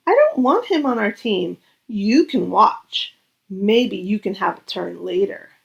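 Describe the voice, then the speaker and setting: A woman's voice: medium pitch, expressive, measured pace, vocal fry, dull audio. A woman voicing young schoolchildren from a storybook, proud and blunt, with emphatic sing-song delivery. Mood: blunt, dismissive.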